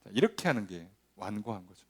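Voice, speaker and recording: A man's voice: on the low side, sing-song, fairly quick, a bit bright. A male pastor leading a Bible study, often asking his listeners whether they follow him. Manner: checks understanding with frequent rhetorical questions; acts out quoted speech in dramatized voices.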